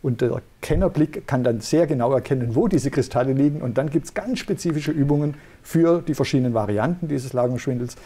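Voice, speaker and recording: A man's voice: mid-range voice, a little fast, hardly any pauses, dark tone. A middle-aged man, a neurologist, patiently explaining in an interview. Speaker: neurologist guest.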